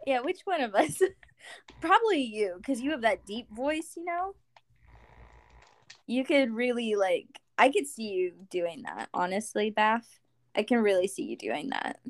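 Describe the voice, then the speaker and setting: Brief: young woman, light higher voice, slow unhurried delivery, giggly, dry close sound. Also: sing-song, no room sound. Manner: giggly, gushing, trails off with "like". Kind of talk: casual chat.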